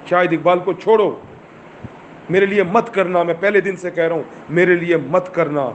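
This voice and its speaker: Pakistani man, fervent political speech, slightly high pitch, faint background noise. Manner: fervent, repetitive rhetorical questions. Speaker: movement chairman. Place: in a car while driving.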